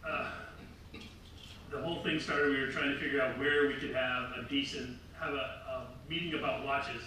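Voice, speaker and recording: Addressing a crowded room with slides, a middle-aged man speaks loudly and brightly in a mid-range voice, steady in tone and moderate in pace. His casual talk rambles, with self-corrections, restarted sentences and the occasional light laugh. The sound comes from a distant camera in a highly reverberant hall with faint background noise.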